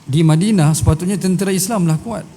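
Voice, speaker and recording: Male Malaysian preacher, slightly high mellow voice, storytelling lecture in an echoing mosque hall. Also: fast talker. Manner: storytelling, quotes Arabic verses and asks rhetorical questions. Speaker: religious teacher. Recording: long hall reverb.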